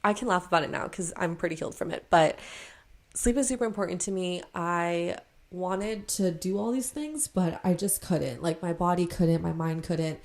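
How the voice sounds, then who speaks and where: A woman's voice: lowish voice, moderate pace. A woman in her twenties talking casually and earnestly in a sit-down podcast-style vlog, filling her sentences with "like" and "you know.". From Hawaii. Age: 20s. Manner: chatty, filler-heavy, earnest. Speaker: vlogger. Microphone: camera mic, sit-down framing.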